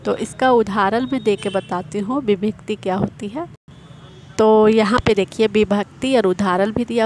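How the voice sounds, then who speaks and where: A woman teaching an exam-prep grammar lesson, explaining slowly and repeating each example. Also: medium pitch, slight background noise.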